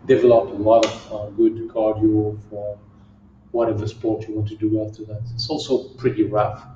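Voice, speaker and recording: Speaking in a lowish, mellow voice with a level tone, this middle-aged kickboxing champion from southern France is being interviewed at a gym. He replies casually with a French accent, pausing frequently as he hunts for the right English words. The recording has an echoey room sound, a far-off muffled mic, and slight hiss.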